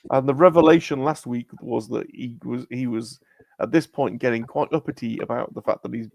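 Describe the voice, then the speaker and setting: A man's voice: mid-range voice, a little fast, gravelly, a little mellow. A British man hosting a casual live-stream chat, chatty and laughing often. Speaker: host.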